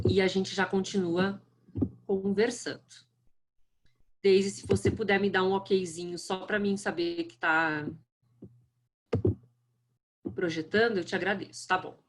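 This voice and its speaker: Over a video call, a middle-aged guest speaker with a strong southern Brazilian accent delivers a friendly, conversational online lecture in a mid-range voice. Slight background noise can be heard.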